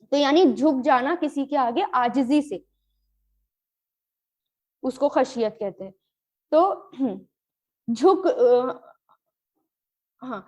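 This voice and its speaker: A woman teaching a Quran grammar and tafseer lesson, glossing each word slowly and mixing in English terms. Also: sits high, darkish tone. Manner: slow, drawn-out word-by-word glossing with rhetorical questions; mixes English terms into explanations.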